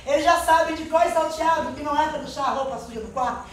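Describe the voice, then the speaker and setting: Woman, church testimony, earnest, high-pitched, distant mic, very echoey hall. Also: quick pace, slight background noise. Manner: earnest, often calls out to the Lord and the brethren. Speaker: missionary giving a church testimony. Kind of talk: spoken testimony to a congregation.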